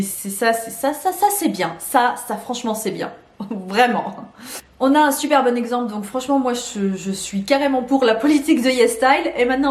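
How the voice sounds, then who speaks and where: A woman's voice: on the high side, darkish tone, reverberant. A woman vlogging about beauty shopping in a chatty way, laughing often and repeating words as she explains. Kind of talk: casual explainer vlog.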